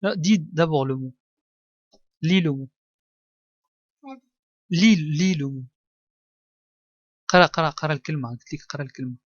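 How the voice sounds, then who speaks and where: Testing a single child's reading, a Moroccan-accented male primary school teacher patiently encourages the student, slowly repeating words in a mix of Arabic and French. His voice is a little high, and the recording is dull, dry and lo-fi.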